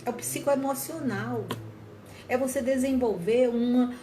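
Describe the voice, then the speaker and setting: A woman with a slightly high, mellow voice speaks at a measured pace, offering viewers an earnest reflection on mental health. She often repeats and reformulates her words, and the room is echoey with faint ambient noise.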